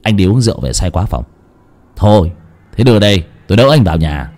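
Man doing a low, muttering nervous thug. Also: sing-song, fast, a little mellow. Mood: placating. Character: nervous young village man, a guilty thug.

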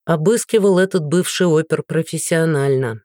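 A man's voice: fairly high pitch, moderate pace, no echo. Man narrating a story, dry and close. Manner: steady, even storytelling. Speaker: audiobook narrator. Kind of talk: scripted narration.

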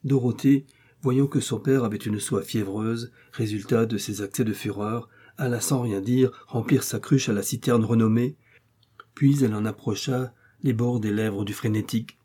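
A man reading an old moral tale aloud as a measured, literary narrator. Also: mid-range voice, fairly even intonation, mellow, slightly rough. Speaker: audiobook narrator. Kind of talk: scripted narration.

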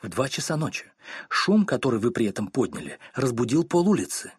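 Cool, firm woman friend, read by a man: low, quiet, stern, dry close sound. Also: brisk, slightly rough, dry recording. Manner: calm, cold and firm.

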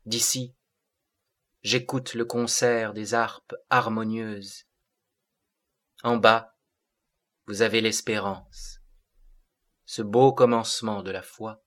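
A man's voice: lowish voice, flat delivery, slow pace, long pauses, fairly bright tone. A man voicing a sorrowful, otherworldly seraphic being who speaks in solemn, lofty declamation.

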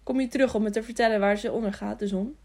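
A woman's voice: a little high, steady tone, fast, darkish tone. A woman voicing a lonely, simple-minded young man who asks childlike, repetitive questions. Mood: eager.

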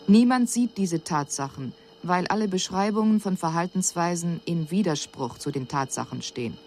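In a 1980s radio drama, an alien envoy reports on humankind in a fairly low, darkish female voice. Her diction is sober, precise and formal, delivered expressively at normal speed with detached, analytical calm. A faint hiss runs through the production.

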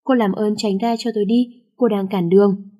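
A woman's voice: medium pitch, fairly even intonation, normal speed, dark tone, close to an everyday voice. A woman voicing a cold, sulking young man who speaks curtly and sarcastically in a romance audiobook. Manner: curt, sarcastic.

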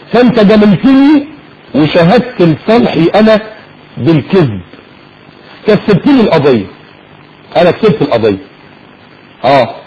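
A man with an Egyptian Arabic accent giving a colloquial sermon, swinging from loud to hushed and acting out little dialogues. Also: high voice, highs cut off, a little hiss or hum. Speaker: preacher.

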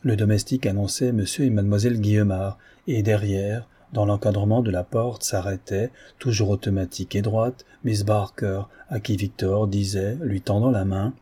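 A man narrating a classic French novel in a measured, expressive storytelling manner. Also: on the low side, breathy edge. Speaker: audiobook narrator. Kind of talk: scripted literary narration.

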